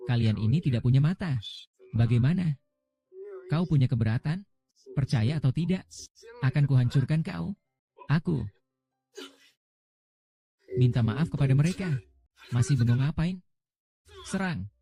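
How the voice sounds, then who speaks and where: A man voices a dubbed short drama, reading every character's lines himself. His tone is very dark and mellow, and he keeps much the same voice from role to role. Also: mid-range voice, lively intonation, moderate pace, long pauses, soft background music.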